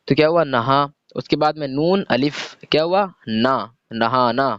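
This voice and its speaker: In a slow reading lesson, a man with a slightly high voice patiently sounds out letters one at a time, asking questions and then answering them himself. There's no echo, though the audio is dull and lo-fi.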